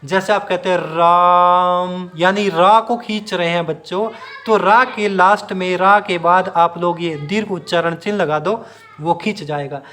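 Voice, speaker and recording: A man's voice: high voice, moderate pace, fairly bright tone. A man teaching a grammar lesson to exam students, drilling them with repeated questions and answers and stretching sounds out to demonstrate. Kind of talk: classroom-style video lesson.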